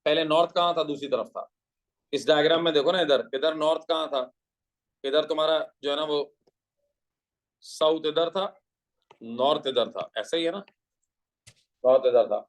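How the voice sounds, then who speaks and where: A man with a fairly high speaking voice teaches a physics class. He explains each step patiently, keeps throwing rhetorical questions at his students, and slips English technical terms into his Hindi. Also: normal speed, long pauses, rough recording.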